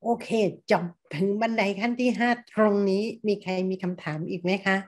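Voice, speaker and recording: A woman's voice: medium pitch, normal speed. Woman lecturer asking her class questions. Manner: asks the class rhetorical questions, acts out tones of voice. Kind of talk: university lecture.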